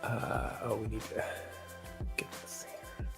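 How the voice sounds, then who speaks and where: A man's voice: takes it slowly, music in the background. A man co-hosting a podcast, chatting casually and animatedly, laughing easily and hesitating with fillers. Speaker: podcast co-host. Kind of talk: casual chat on a live stream.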